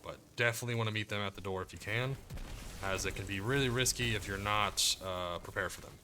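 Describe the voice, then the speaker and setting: A man giving casual commentary as he plays through a video game guide, relaxed and explaining as he goes. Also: fairly low pitch, quick pace, background noise. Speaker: gaming guide creator. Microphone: desk mic, muted to cough.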